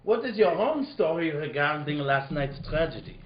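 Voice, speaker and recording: A man's voice: on the high side, animated, normal speed, highs cut off, a little hiss or hum, natural voice. A man playing an officious prefect of police in a hammy radio-play parody. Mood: officious, theatrical. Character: French prefect of police presiding over a trial.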